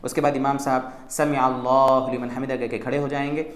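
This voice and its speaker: With a mid-range voice and flat delivery, a man briskly explains how to pray as a mufti, step by step, in a reverberant setting. His religious instruction talk stays patient in manner, often checking in with "theek hai."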